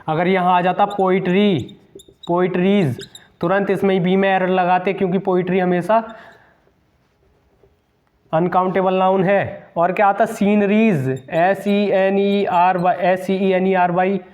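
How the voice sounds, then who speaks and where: This is a lo-fi recording of a man with a high, slightly mellow voice giving an English grammar lesson for competitive exams. He speaks with emphasis, repeating words and spelling them letter by letter.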